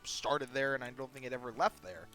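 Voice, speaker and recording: Gaming co-host, male, bright crisp voice, chatty, faint music behind. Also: medium pitch, fairly quick. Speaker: co-host playing a game. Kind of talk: casual chat while playing.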